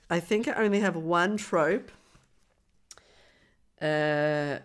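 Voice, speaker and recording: A woman co-hosting a casual film discussion podcast, talking in an animated way and swearing freely. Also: lowish voice, smooth. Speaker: podcast co-host.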